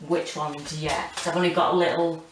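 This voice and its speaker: A British woman in her forties chatting casually and hesitantly as she gives a rambling home gardening tour, with a monotone, self-deprecating manner. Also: low voice, normal speed, background noise. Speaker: gardening vlogger. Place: small home kitchen and windowsill, indoors.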